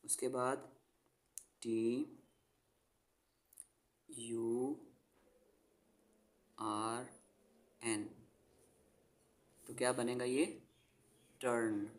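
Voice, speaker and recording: A man's voice: mid-range voice, flat delivery, drawn-out words, long pauses. A male teacher giving a phonics lesson, spelling words out letter by letter and patiently repeating each word twice. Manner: frequent "theek hai" check-ins to the viewer. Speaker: English teacher.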